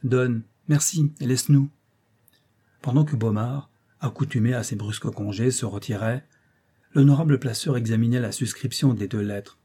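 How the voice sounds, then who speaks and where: A man narrating an audiobook in a measured storytelling reading. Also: medium pitch, warm tone, breathy edge. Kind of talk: scripted narration.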